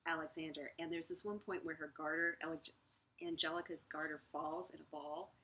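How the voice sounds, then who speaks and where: A woman's voice: deep voice, little pitch movement, a little fast, bright, forceful tone. A woman guest author telling amused stories about historical letters in a casual chat. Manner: storytelling, amused, chatty.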